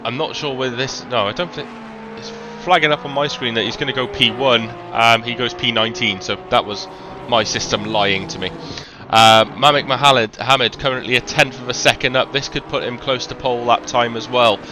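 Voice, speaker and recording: A man's voice: mid-range voice, steady tone, brisk, few pauses, noisy background. Welsh man commentating a sim race. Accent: Welsh, faint. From Wales. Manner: chatty, frequent ums and self-corrections.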